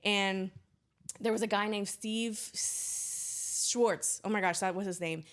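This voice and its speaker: A woman's voice: mid-range voice, fairly even intonation, slow. A young woman from Trinidad, a geologist guest telling her story in a chatty, filler-heavy way. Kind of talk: casual interview chat.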